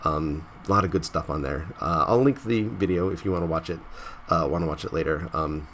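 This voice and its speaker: This gaming channel host speaks low and fairly quickly with a fairly bright tone, over slight background noise. Congested from a cold, he rambles in his casual vlog, often restarting and asking "right?"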